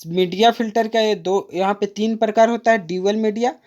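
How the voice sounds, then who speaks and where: A woman tutoring diploma students for exams, explaining a diagram patiently and repeating key terms. She reads textbook definitions aloud slowly and calls the viewers "friend". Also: mid-range voice, fairly even intonation, a little mellow. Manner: patient, repetitive, addresses viewers as friend, mixes in English terms. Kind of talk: exam-prep lecture, explaining a diagram.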